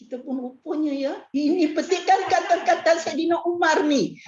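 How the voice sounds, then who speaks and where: A high-pitched woman speaking at normal speed, her tone darkish, teaches a casual hadith lesson in a prayer hall class. She's talkative, jokes and laughs, and keeps saying "nak, nak" as filler. The lo-fi recording sounds dull and carries a little hiss or hum.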